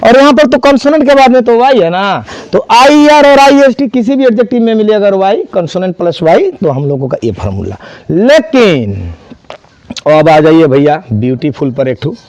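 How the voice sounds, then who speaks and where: High-voiced grammar teacher. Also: male voice, expressive, fairly quick, few pauses, a little mellow, no echo. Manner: spells words out letter by letter and quizzes students. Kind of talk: classroom lesson.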